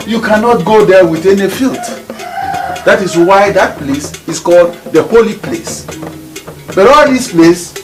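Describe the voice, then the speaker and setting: In a high voice, a Ghanaian-accented man preaches a spiritual lecture, emphatically repeating himself and restating every point until it sinks in.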